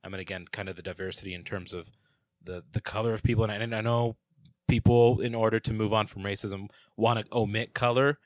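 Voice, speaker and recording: A man's voice: on the low side, fairly even intonation, fairly quick, dry recording. A man in casual chat, talking earnestly and thoughtfully, explaining his views.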